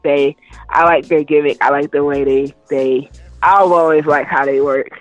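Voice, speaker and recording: A woman co-hosting a casual wrestling chat, talking in an animated, emphatic way. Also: deep voice, moderate pace, no echo. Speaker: podcast co-host. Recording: dry, muffled lo-fi with faint music.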